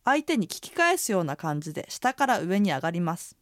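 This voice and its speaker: A woman's voice: fairly quick, no echo, studio quality. A woman teaching a radio language lesson, explaining pronunciation with casual fillers. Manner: explanatory, uses fillers, lively pitch.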